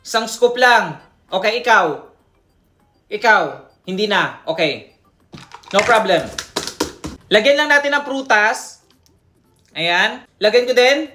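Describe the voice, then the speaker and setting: A woman's voice: medium pitch, animated, slow pace, pauses often, a bit bright, faint music behind. A woman playing a drink seller, taking orders from customers who are not there and scolding them in a chatty, bossy way. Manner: half-sung catchphrase repeated over and over. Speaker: drink vendor in a role-play. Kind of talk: solo role-play of serving customers.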